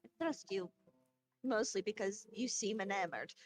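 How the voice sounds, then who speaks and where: A woman playing a tabletop game, gently describing what her character does. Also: mid-range voice, normal speed, soft background music. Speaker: player.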